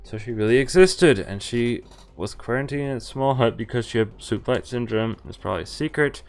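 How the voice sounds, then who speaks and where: A brisk man with a mid-range voice streams a visual novel, reading its narration steadily before interrupting himself with swearing and reactions.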